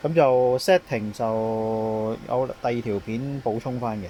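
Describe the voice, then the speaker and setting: In an unhurried, mellow, mid-range voice, a technician with a Hong Kong Cantonese accent informally walks through an intercom setup he has installed, demonstrating it and explaining the handover. He repeats points along the way, and the on-site background noise is clearly audible.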